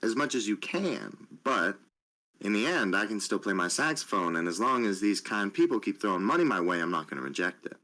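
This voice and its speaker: A man playing a cocky, deep-voiced street saxophonist. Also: expressive, brisk, bright, forceful tone. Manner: glib, unbothered.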